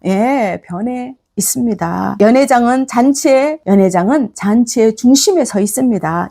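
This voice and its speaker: A woman's voice: a little high, vocal fry, a little mellow. A middle-aged woman pastor preaching a storytelling sermon, acting out the voices of figures and asking the congregation questions she answers herself.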